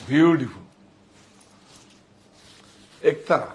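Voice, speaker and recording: A man showing sarees in a live sales pitch, talking excitedly, repeating himself and directing helpers. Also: extremely slow, noisy background. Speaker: saree shop seller.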